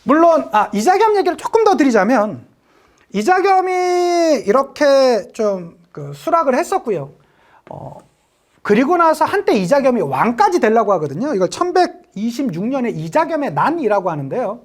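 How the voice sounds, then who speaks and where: A woman's voice: sits high, big pitch swings, moderate pace. A woman teaching an exam-prep history lecture, chatty and joking, often acting out little quotes.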